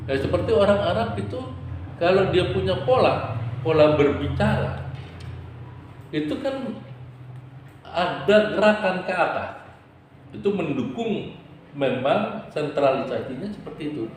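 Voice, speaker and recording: A man preaching a religious lesson with a slightly raised pitch and playful, sing-song intonation. His voice rings through a very echoey hall. A faint hum of ambience sits behind it. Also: unhurried, pauses often. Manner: playful, acts out quarrelsome vendors with laughter; lively rising and falling intonation. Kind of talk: religious study lecture.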